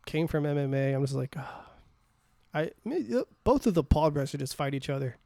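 A man's voice: fairly high pitch, expressive, fast, gravelly, warm tone, dry recording, clean studio sound. A man co-hosting a podcast, chatting casually about sports, blunt and teasing, swearing freely. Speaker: podcast co-host.

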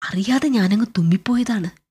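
A woman's voice: mid-range voice, normal speed, mellow, husky. A woman voicing a timid, anxious male government clerk who keeps apologizing in a pleading, fretful voice.

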